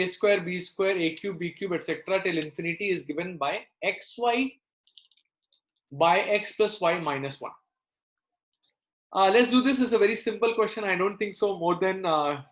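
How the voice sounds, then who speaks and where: A man's voice: sits high, normal speed. A man teaching a live online maths lesson, explaining step by step and checking in with questions. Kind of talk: live online lesson, working through problems aloud. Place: indoor room, live online class.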